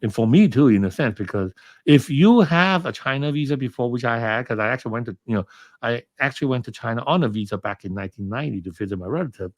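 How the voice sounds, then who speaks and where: Talking fast with lively intonation, this mid-range-voiced man from Hong Kong is a film commentator being interviewed. He rambles through a casual story, full of fillers and restarts, in a recording with no echo.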